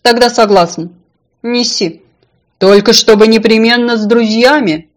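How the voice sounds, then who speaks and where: A woman voicing a sly, self-important female fish in a storybook, calm and unflappable. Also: a little high, moderate pace, natural voice. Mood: bargaining.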